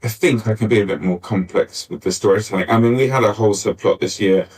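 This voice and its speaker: A pantomime scriptwriter talks informally on a live panel at an arts centre, wandering off into tangents. His voice sits on the low side, with a darkish, breathy tone and a fast pace. It was captured on a distant backup recorder.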